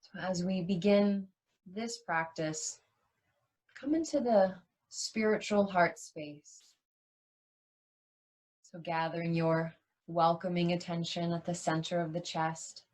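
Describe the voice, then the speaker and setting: A woman teaches a guided yoga nidra meditation in a fairly low, slightly mellow voice. She is soothing and unhurried, speaking in short phrases with long pauses between them.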